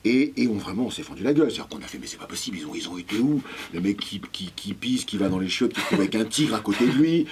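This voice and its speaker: A man, a voice actor guest in an interview, telling lively anecdotes and swearing casually. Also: fairly low pitch, quick pace, noisy background.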